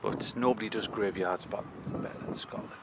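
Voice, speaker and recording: A man's voice: lowish voice, steady tone, a little fast. A middle-aged man walking a churchyard for his history vlog, talking with enthusiasm and reading old inscriptions aloud. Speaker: history vlogger. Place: outdoor churchyard. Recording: noisy outdoor recording with birds.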